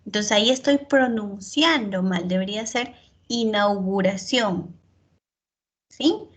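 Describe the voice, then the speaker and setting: A woman teaches a lesson in a somewhat high voice, unhurried and deliberate. She explains patiently, working through spoken examples, and keeps checking in with her students through short tag questions. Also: a bit bright. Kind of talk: online class lecture.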